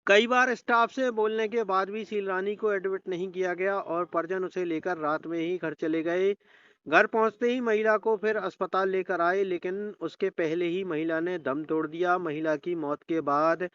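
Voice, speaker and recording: A male reporter reads a scripted news voice-over in a formal, measured way. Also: sits high, fairly bright tone, clean tone, no echo, dull audio.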